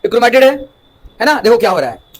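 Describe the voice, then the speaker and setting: A man with a very high, sing-song voice talks at a quick pace on a low-quality recording. He lectures a biology class using English terms, keeping students engaged with rhetorical questions and explaining through homely examples.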